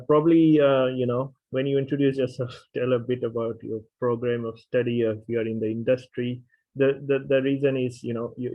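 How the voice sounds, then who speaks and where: A middle-aged man from Fiji, a university lecturer, opening an online programming class with many fillers and restarts. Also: medium pitch. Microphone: video call. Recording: dull lo-fi video call audio.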